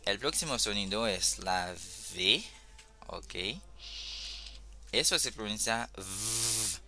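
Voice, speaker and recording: Slow bright-voiced man teaching pronunciation. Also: on the low side, animated, slight background noise. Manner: slow, repeats sounds and checks with "ok?". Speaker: language teacher. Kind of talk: casual online lesson.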